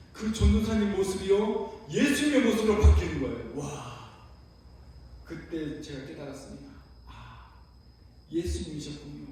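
A man's voice: high voice, a little mellow, slight background noise. A young man preaching a sermon, telling a heartfelt personal testimony with frequent fillers. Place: church sanctuary. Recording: echoey hall, voice from far off.

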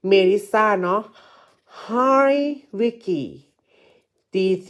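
An animated woman teacher takes it slowly, her medium-pitched voice on lo-fi audio, as she leads a patient English class explained in Thai. Each phrase gets repeated and translated, and she asks her "kids" questions.

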